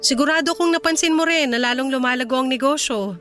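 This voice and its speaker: In a Filipino radio drama, a woman with a Filipino accent plays a kind, reassuring company boss, earnest, composed and appreciative. Her voice is high and fairly bright, and she talks fast, with faint music behind.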